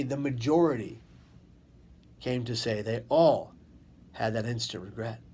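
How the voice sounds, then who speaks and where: A man telling his own story as an interview guest, in deliberate, dramatic short phrases that he repeats for emphasis. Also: mid-range voice, darkish tone. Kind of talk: personal testimony in an interview. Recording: faint background noise.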